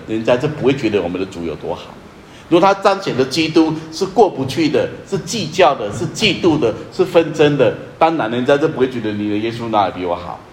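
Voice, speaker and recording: Earnest male pastor in an echoey hall. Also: a little hiss or hum. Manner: earnest, emphatic, repeats phrases, often drops to a soft low voice. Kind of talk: sermon.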